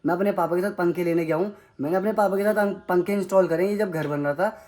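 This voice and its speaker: A man's voice: high voice, quick pace, a little mellow. A young man from India venting angrily in a home vlog, with heated, accusing, repetitive outbursts at his brother. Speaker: vlogger. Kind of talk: angry vlog rant to camera. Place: family home, indoors.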